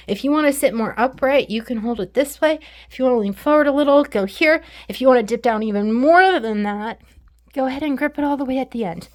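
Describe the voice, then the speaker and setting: A woman giving a chatty, candid product review while sitting on an exercise bike at home, a little out of breath. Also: a little high. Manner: chatty, candid, self-deprecating. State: slightly out of breath from pedaling. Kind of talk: casual product review vlog.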